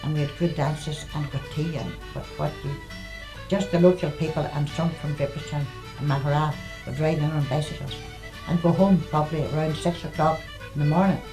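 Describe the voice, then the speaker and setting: A woman's voice: low voice, fairly even intonation, fairly quick, music in the background, rough recording. An older woman with a Northern Irish accent, reminiscing in a plain-spoken, conversational way. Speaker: local resident sharing memories. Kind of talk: reminiscing, casual storytelling.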